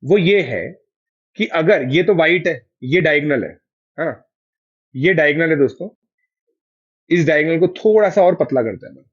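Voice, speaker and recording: A man's voice: a little high, animated, normal speed, pauses often, breathy edge, muffled recording. A man with an Indian accent teaching a math class online. He keeps coaxing his students to answer and confirm each step.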